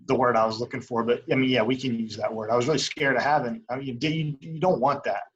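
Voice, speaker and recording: A young man in a casual interview as an umpire, talking in a rambling, halting way full of filler phrases. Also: mid-range voice, steady tone, dull audio. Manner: rambling, halting, frequent "you know". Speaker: baseball umpire as interview guest. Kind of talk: casual chat.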